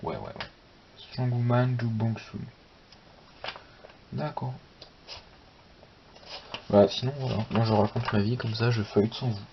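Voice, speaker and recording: A young man hosting a manga channel who chats casually while flipping through a magazine. He rambles, talks to himself and swears lightly, and the recording is slightly dull with a steady hiss. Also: mid-range voice, a little slow, creaky, pauses often. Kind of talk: casual unboxing chat.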